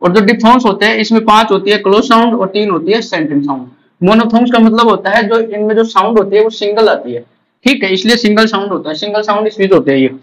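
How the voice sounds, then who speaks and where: Indian male teacher, high voice, drilling exam questions. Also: fast talker, a bit bright, poor audio. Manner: drills with repeated questions and answers. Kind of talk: exam-prep lecture.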